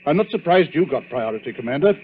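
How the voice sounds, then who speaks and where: An actor playing a crusty, dryly impatient gray-haired tycoon in an old radio drama. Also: male voice, fairly high pitch, lively intonation, fast talker, slight background noise, natural voice. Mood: dry, grumbling. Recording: muffled old radio recording.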